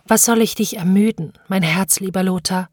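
A woman narrating an audiobook of classic literature with measured, dramatic storytelling. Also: medium pitch, a little mellow, husky, no echo, studio quality.

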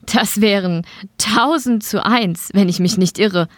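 A woman voicing a smug older male mafia boss with a calm, menacing manner. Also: mid-range voice, a little slow, no room sound, close to an everyday voice.

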